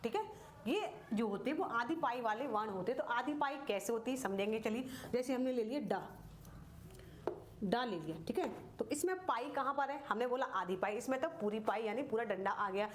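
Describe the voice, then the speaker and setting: Female tutor, higher register, explains spelling step by step with repeated words and rhetorical questions. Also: slight background noise. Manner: slow, repeats words and asks questions to the viewer. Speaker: Hindi teacher. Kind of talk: classroom-style grammar lesson.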